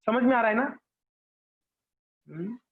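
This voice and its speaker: A devotional lecturer leads a conversational class, often checking in with his listeners and acting out examples. His voice is very high-pitched, husky and expressive, and he speaks slowly. The recording is dull and lo-fi.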